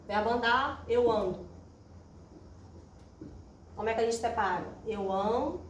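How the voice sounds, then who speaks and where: A woman's voice: a little high, a little slow, dull audio. A Brazilian woman teacher giving a grammar lesson at a whiteboard, explaining step by step and checking in with her students. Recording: roomy echo, distant mic, faint hiss.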